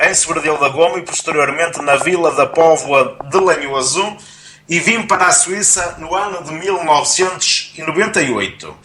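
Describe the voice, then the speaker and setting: A man, a guest on a casual radio interview who answers calmly and plainly. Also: a little high. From Minho, northern Portugal. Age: 40s. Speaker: writer and guest. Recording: faint background noise.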